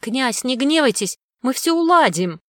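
A woman voicing a timid male underling who bleats pleading words in a raised, high voice. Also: very animated, measured pace, no room sound, clean studio sound. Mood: fawning.

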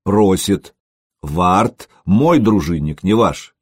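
A man voicing a stern young prince who speaks slowly and commands. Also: sits low, animated, no echo, studio quality, heavily acted. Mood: commanding. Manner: slow, commanding, measured.

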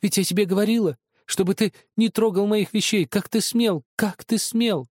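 A man's voice: high-pitched, moderate pace, darkish tone, no echo, studio quality, voice pushed up. A man voicing a spiteful older sister who shrieks, accuses and whines tearfully. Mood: scolding.

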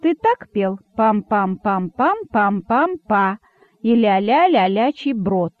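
A man's voice: high voice, sing-song, slow, no echo, exaggerated voice. A man voicing a wrathful, imperious male rabbit king who accuses and mocks, on a dry, phone-like recording. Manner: angry, accusing, sarcastic. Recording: dry, phone-like narrow sound.

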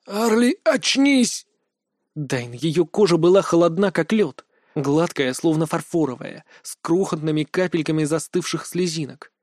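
A man reads a first-person fantasy audiobook with dramatic, expressive storytelling. His voice sits a little higher than most men's. The recording is dry and close to the microphone, with no room sound. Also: moderate pace, no room sound. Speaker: audiobook narrator.

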